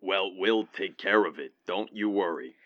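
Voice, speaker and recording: A man playing an unhurried, dismissive police desk officer who placates and patronizes, in old-time radio drama style. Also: sits low, highs cut off, close to an everyday voice. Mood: placating.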